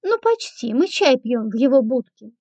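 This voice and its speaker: A woman's voice: high voice, big pitch swings, normal speed, a little mellow, no room sound. A woman voicing a sly, fawning young ex-servant who wheedles, giggles and sighs. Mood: wheedling. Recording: dull lo-fi, dry.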